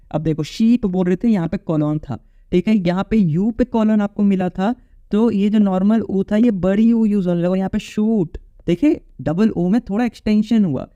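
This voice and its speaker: A man's voice: high voice, mellow, dry recording, muffled recording. A male English teacher giving a casual exam-prep phonetics lecture, repeating points and checking in with his students. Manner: casual, repetitive, checks in with "okay?".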